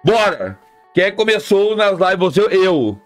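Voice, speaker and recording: A man's voice: high-pitched, big pitch swings, unhurried, faint music behind. A man live streaming, chatting casually and repetitively with his viewers in slang. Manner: slangy, repetitive, talks straight to chat.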